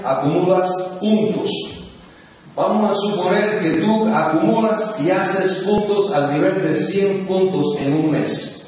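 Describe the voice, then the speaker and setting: A man's voice: high voice, a little hiss or hum. A man in his sixties from the United States giving a sales seminar talk, emphatic and coaxing, pressing his point to the audience again and again. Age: 60s. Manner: emphatic, coaxing, keeps saying "look". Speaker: business opportunity speaker. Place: large hall. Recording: echoey hall, dull sound, from far off.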